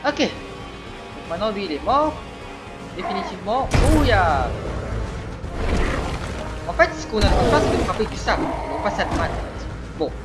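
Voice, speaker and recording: A man chats through his gameplay with jokey asides. His pitch moves up and down a lot. Game music and sound effects play behind his voice. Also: big pitch swings, moderate pace, long pauses. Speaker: let's play gamer. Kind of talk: casual gameplay commentary.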